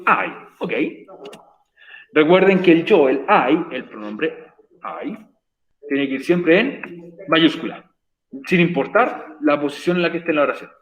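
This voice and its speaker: A man's voice: a little high, expressive, measured pace, long pauses, roomy sound, dull audio. A man teaching an online English class, patient and encouraging, explaining step by step.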